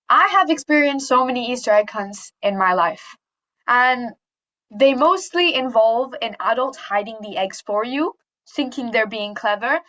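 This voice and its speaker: A woman's voice: fairly high pitch, fairly bright tone. A woman giving a chatty, joking presentation over a video call, with an upbeat, self-deprecating manner. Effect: heard over a video call. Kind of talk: casual presentation with jokes. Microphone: computer mic on a video call. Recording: muffled video-call audio.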